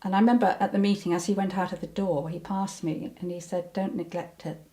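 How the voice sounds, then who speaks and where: A woman's voice: on the low side, steady tone, fast, dark tone. An older woman recounting personal memories in an interview, hesitant, with many ums and restarts. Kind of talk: reflective personal recollection.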